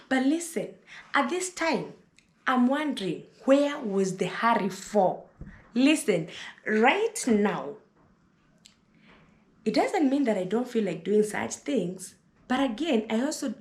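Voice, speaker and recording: Kenyan woman, 30s, motherly lecturing vlog talk, middle pitch, echoey room. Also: darkish tone. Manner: motherly, lecturing, repeats words and says "listen" often. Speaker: vlogger giving advice. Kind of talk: casual advice monologue to camera.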